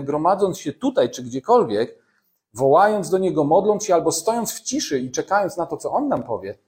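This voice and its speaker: A man's voice: fairly high pitch, mellow. A man preaching a sermon in a conversational way, talking directly to his congregation and reading scripture aloud. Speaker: pastor.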